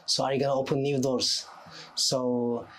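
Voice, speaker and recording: Answering interview questions conversationally on a podcast, this twenty-something guest from Turkey speaks English with a Turkish accent. His medium-pitched voice holds a level tone at a moderate pace, while a crowd murmurs behind him on a rough recording.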